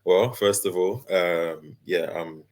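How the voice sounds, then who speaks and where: A laid-back man in his thirties talks as an interview guest. His voice sits very low and deep. He speaks in an easygoing, unhurried way, with plenty of fillers. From London, England. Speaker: guest, character designer and illustrator. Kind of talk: casual interview chat.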